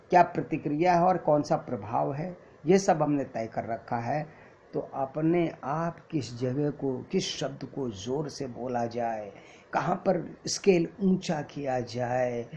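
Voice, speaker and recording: A man's voice: a little high, a little mellow, slight background noise. A man teaching an acting class, explaining patiently and mixing English terms into his Hindi. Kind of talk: lecture. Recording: dull lo-fi recording.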